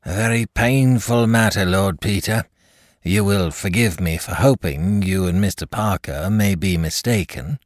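A man's voice: deep voice, unhurried, dry recording, clean studio sound, pitched above the performer's own voice. A man voicing a solemn, formal workhouse master in an audiobook reading. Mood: grave.

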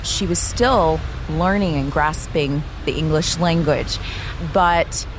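Low-voiced woman telling her story. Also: slow, noisy background. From Zambia. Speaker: interview guest, author and speaker. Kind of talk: personal storytelling in an interview.

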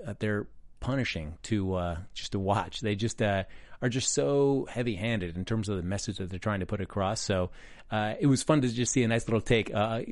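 A man's voice: fairly low pitch, no room sound. A man casually recapping a TV episode in a rambling way, full of uh's and restarts. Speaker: podcast host recapping a TV episode. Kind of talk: casual recap with filler words.

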